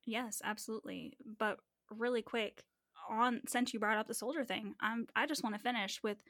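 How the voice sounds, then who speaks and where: A woman co-hosting a podcast in casual chat, animated and swearing freely. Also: on the high side, moderate pace, no echo, studio quality. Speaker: podcast co-host.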